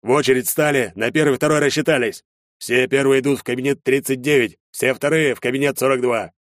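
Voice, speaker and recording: A man voicing a gruff older army major in an audiobook, commanding and scolding in a loud, barking way. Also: medium pitch, fairly even intonation, brisk, no room sound, studio quality, pitched above the performer's own voice, close to an everyday voice. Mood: stern. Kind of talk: audiobook character voice.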